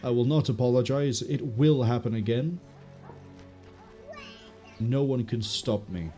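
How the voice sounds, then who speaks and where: A man's voice: mid-range voice, measured pace, dark tone, soft background music. A man giving casual playthrough commentary as he plays a video game, with playful, wry asides. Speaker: gaming streamer.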